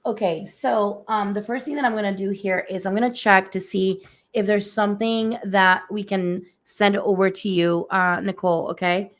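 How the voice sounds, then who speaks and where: An energy healer gives a spiritual reading on a livestream, captured by a phone or webcam. She speaks softly and slowly at medium pitch with fairly even intonation, her voice a bit hoarse and raspy from allergies, and she pauses frequently with gentle fillers.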